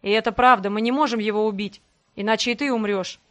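A woman voicing an earnest, gentle young male necromancer. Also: a little high, steady tone, quick pace, natural voice.

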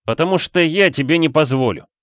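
A man voicing an anguished, guilt-ridden young man who is quick to fly into a rage, raised well above his own voice. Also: on the high side, expressive, dry recording, studio quality, voice pushed up. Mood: furious. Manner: tense, shouting outbursts. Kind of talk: audiobook character voice.

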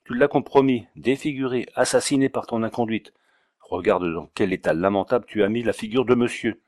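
A man's voice: mid-range voice, a little fast, darkish tone, no room sound, studio quality, close to an everyday voice. A man playing a scolding, pompous doctor. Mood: indignant. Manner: stern, rhetorical scolding. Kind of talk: audiobook reading.

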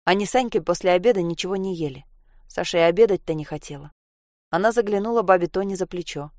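A woman narrating a story in an even, measured reading. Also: fairly low pitch, dry recording, clean studio sound.

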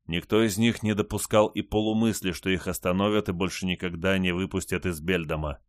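A man reading an audiobook in an even, measured narration. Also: low-pitched, no room sound. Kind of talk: scripted narration.

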